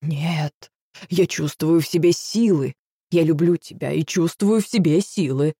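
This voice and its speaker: A woman's voice: low voice, unhurried, dark tone, breathy edge, no room sound, studio quality, heavily acted. A woman reading the lines of a whiny, self-pitying grown man, her estranged husband, in a pleading, sniveling tone.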